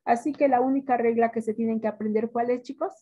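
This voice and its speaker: A woman teacher with a Mexican accent, giving a classroom lesson, stretching words out slowly and quizzing her students. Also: a little high, fairly even intonation, mellow.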